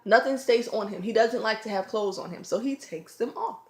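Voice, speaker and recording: A woman, a mother and vlogger, telling a casual storytime at home with loud, animated acted-out quotes and screams. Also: a little high, a little fast, reverberant. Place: home, room with children around.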